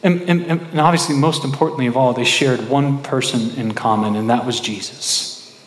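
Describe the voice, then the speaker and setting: A man's voice: mid-range voice, normal speed. A man preaching a sermon, putting rhetorical questions to the congregation and repeating phrases for emphasis. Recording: echoey hall with long reverb.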